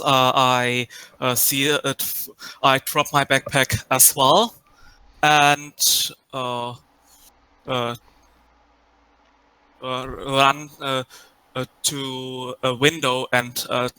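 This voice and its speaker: A man playing a tabletop game, describing his actions hesitantly with many pauses. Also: medium pitch, flat delivery, sharp tone, smooth, no room sound, rough recording. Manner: hesitant, full of "uh"s. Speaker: player.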